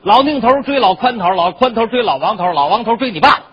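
A man performing crosstalk comedy as the lead comedian, telling a story quickly and mimicking other people's voices. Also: sits high, lively intonation, slightly rough, lo-fi sound.

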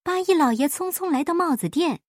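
A woman reading a children's folk story aloud in an expressive, measured way. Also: very high-pitched, no echo, clean studio sound.

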